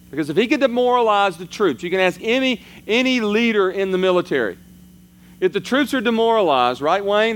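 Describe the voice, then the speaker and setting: A man preaching a sermon as pastor, in a conversational style, his voice rising and falling for emphasis. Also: sits high.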